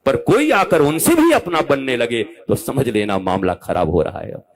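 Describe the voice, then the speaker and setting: A man in his fifties, a spiritual teacher, giving a live discourse. He speaks animatedly, rising to loud exhortation and dropping to soft asides as he addresses his listeners directly and affectionately. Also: medium pitch, lively intonation, normal speed. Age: 50s.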